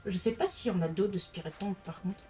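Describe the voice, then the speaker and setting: A woman's voice: mid-range voice, brisk, mellow, faint music behind. A French woman giving casual let's play commentary, chatting to the creatures on screen as she plays.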